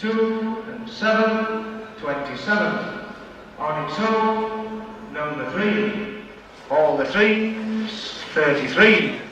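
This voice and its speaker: A man's voice: high-pitched, expressive, extremely slow, pauses often. A man calling bingo numbers in a chanted style. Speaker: bingo caller. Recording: very echoey, distant, loud music.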